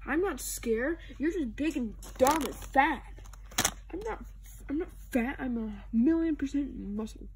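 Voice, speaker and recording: A woman's voice: high-pitched, animated, measured pace, noisy background. A woman doing Knuckles, a big, dumb, stubborn brawler. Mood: defensive. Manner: stubborn and childish, insisting on simple logic. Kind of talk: homemade fan skit.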